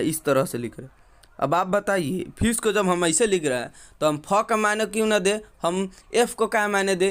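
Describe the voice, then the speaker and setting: High-pitched guy teaching phonics, spells stuff out slow, keeps going "kya?". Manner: repetitive, keeps asking the viewer questions; slow, drawn-out letter-by-letter spelling. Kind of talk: classroom-style English phonics lesson.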